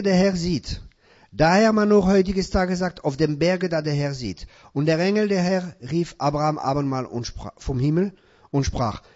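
A male preacher delivering a sermon in non-native German. He reads scripture and asks his congregation questions, then answers them himself, rising to loud emphatic peaks. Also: high voice. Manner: loud emphatic peaks between quieter passages. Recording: dull lo-fi recording.

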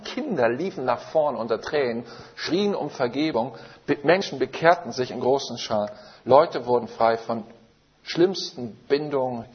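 Preacher telling his testimony. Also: medium pitch. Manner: vivid storytelling, emphatic. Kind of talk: testimony sermon. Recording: muffled lo-fi recording.

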